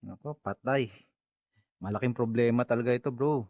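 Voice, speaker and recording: A man's voice: mid-range voice, normal speed, a little mellow, highs cut off, close to an everyday voice. A man playing a loyal, concerned friend in a radio drama, talking in an earnest, soothing way. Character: caring loyal male friend, steady and concerned.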